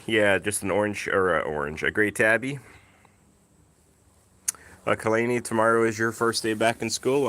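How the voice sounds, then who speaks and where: A man hosts a casual live stream from his phone, first outdoors and then inside his home, talking in a chatty, easygoing way. His voice is fairly low and fairly bright, though a lingering cough leaves it a little off.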